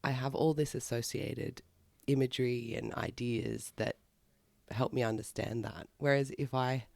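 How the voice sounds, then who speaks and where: An occupational therapist co-hosting a podcast with a hoarse voice from a cold, talking in an animated way. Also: mid-range voice, measured pace, dry recording. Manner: animated, laughs between thoughts. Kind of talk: casual podcast discussion.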